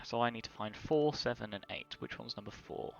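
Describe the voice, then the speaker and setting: A man's voice: medium pitch, a little fast, vocal fry, no room sound, muffled recording. A man narrating as game master, rambling with many fillers and lookups.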